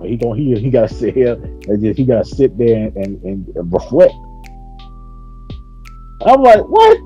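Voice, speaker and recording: A man hosting a podcast, casually retelling an episode with lively slang and swearing. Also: lowish voice, a little fast, soft background music. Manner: animated storytelling with slang and swearing. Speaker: podcast host. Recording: dull lo-fi podcast audio.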